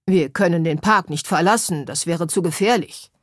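Woman voicing a ghost admiral, booming, loud, pompous, storybook, dry close sound. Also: moderate pace, no echo, close to an everyday voice.

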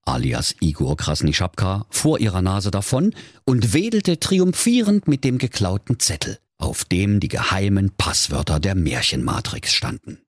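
A man with a low, slightly husky voice narrates a silly fairy tale for children, playful and mock-dramatic. His delivery is animated and lively, and the sound is dry and close. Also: moderate pace, no echo. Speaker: storyteller.

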